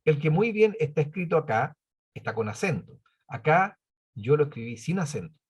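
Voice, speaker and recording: A man's voice: fairly high pitch, sing-song, moderate pace, husky. A man teaching a spreadsheet lesson, patiently explaining formulas step by step and counting items aloud. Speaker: computing teacher.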